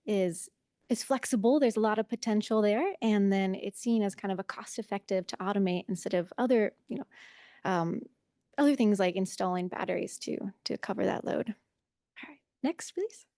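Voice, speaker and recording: A woman's voice: mid-range voice, a little fast, mellow, dry recording, studio quality. A woman giving a conference presentation, sounding nervous and self-conscious as a first-time presenter.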